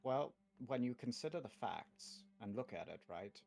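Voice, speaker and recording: A man improvising in character in a tabletop role-playing game, speaking in a halting, deliberate way and swearing casually. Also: medium pitch, lively intonation, gravelly, a little mellow, faint music behind.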